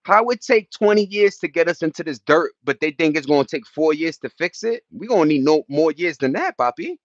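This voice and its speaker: A man with an American accent hosts a livestream, reading and answering viewer chat in a casual, passionate, emphatic ramble full of slangy street talk. His voice is a little high, animated and a little fast. The recording is dry and muffled.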